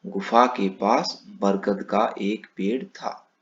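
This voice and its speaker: Male teacher, slow children's read-aloud, low-pitched. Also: steady tone. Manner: warm, slow, explaining to children. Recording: dull lo-fi recording.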